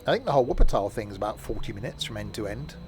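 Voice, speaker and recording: A man with a lowish voice and lively intonation talks very fast while streaming a train simulator, with a little hiss or hum in the audio. His gameplay commentary is casual, rambling and self-mocking.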